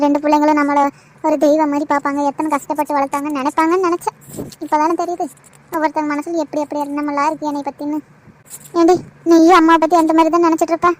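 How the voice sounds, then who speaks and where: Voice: sits high, lightly acted. A voice actor playing an aging mother in an amateur cartoon, speaking in a mournful, guilt-tripping way. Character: aging mother, wounded and proud. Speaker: mother-in-law.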